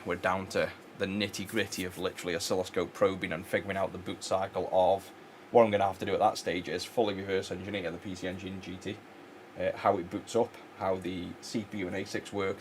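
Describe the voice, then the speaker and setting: A man with a low voice talks loosely while he works on electronics at his bench. He rambles, restarts his sentences and fills gaps with ums. A faint noise sits under the recording. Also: fairly even intonation, a little fast. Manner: rambling, many fillers and restarts. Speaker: electronics repair channel host. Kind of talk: casual chat while working.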